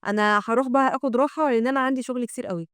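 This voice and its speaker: A woman's voice: on the high side, very fast, a bit bright, smooth, no echo, clean studio sound, lightly acted. A woman reading as a curt, protective young mage. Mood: scolding. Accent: Egyptian Arabic.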